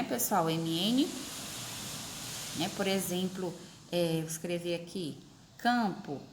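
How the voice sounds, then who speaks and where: A woman teacher explaining a lesson to her pupils, repeating examples slowly and stretching syllables. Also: medium pitch, a little hiss or hum. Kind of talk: recorded remote class explanation.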